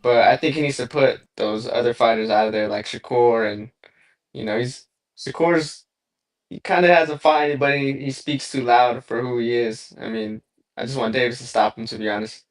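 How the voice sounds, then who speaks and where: A young man from Southern California talks about his boxing past in an easygoing, meandering way. His voice sits at a medium pitch, and he fills pauses with ums and you-knows. The sound comes over a remote call. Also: steady tone. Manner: laid-back, rambling with many fillers. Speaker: boxer guest. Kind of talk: casual interview.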